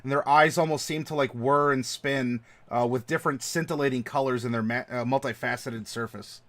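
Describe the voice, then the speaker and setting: A man's voice: mid-range voice, steady tone, brisk, a bit bright. A man running a tabletop game as game master, narrating with frequent stammers and laughs. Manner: stammering, laughing often between lines.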